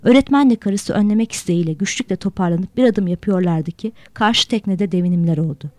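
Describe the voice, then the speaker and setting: Lady reading a story aloud, steady and measured, dry no-room sound. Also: mid-range voice, dry recording. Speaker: audiobook narrator. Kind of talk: storybook narration.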